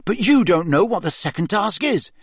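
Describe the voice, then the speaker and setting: A man's voice: high voice, big pitch swings, normal speed, husky, dry recording, clean studio sound, pitched above the performer's own voice, heavily acted. Man doing a panicky teenage boy. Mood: anxious. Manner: panicky and breathless. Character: nervous teenage boy wizard.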